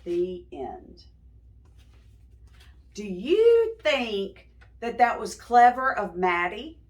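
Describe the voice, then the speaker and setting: Hosting a story time for young children, a woman with a slightly high voice reads aloud and pauses like a teacher to ask them simple questions.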